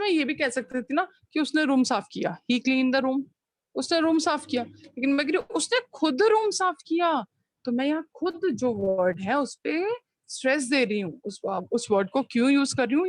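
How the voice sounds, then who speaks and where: Lady teacher running an online grammar class, kinda high voice, dry close sound, keeps asking questions then answering them herself. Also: lively intonation, brisk, no room sound. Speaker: school English teacher. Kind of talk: online class grammar lesson, Hindi mixed with English.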